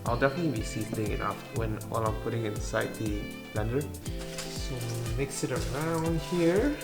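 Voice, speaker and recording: A man talking casually in a home vlog about his day, with a halting, hesitant delivery. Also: medium pitch. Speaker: vlogger. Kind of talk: casual cooking and recovery vlog. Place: indoor home kitchen. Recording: echoey room with music behind.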